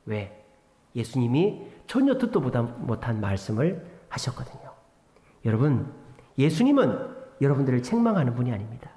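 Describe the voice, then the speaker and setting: A male pastor preaching a sermon, emphatic, swinging between loud exhortation and hushed asides. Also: high voice. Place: church sanctuary. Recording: echoey church hall with long reverb.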